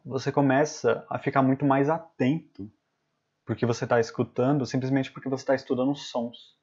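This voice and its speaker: A man's voice: mid-range voice, fairly even intonation, brisk, a little mellow, breathy edge, muffled recording. A man teaching English in a live stream, talking casually, repeating himself and tagging sentences with little questions. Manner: casual, repeats words and adds "né?" often.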